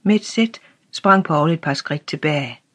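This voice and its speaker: Even-toned audiobook narrator. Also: mid-range voice.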